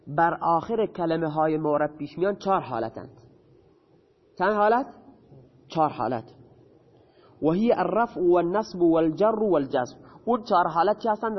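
A man's voice: high-pitched, in a large hall, highs cut off. A male teacher explaining Arabic grammar in a lesson, asking questions and answering them himself.

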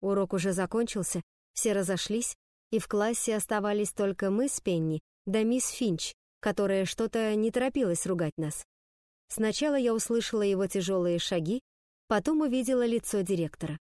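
A woman reading first-person narration for an audiobook in a steady storytelling manner. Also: mid-range voice, moderate pace, dry recording, studio quality.

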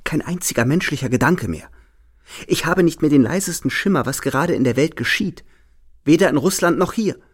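Impassioned man reading a novel aloud. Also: mid-range voice. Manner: impassioned, swings from hushed to exclaiming. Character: young man obsessed with a woman, feverish. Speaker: narrator.

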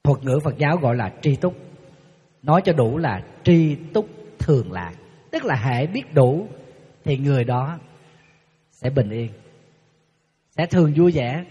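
A man, a Buddhist monk giving a lively sermon to an audience, telling stories and teasing listeners. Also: medium pitch, unhurried, pauses often, slightly rough. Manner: lively storytelling, acts out quotes, teasing the audience. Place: large hall with an audience. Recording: lo-fi live hall recording with long reverb.

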